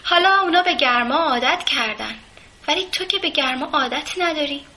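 Kind motherly rose bush voiced by a woman, high, bright voice, gentle, coaxing, storybook figure. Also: animated, slight background noise, heavily acted.

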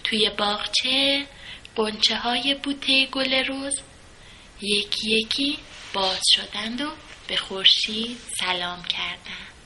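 A woman narrating a children's story in a slow, soft storybook manner. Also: on the high side, a little hiss or hum, poor audio.

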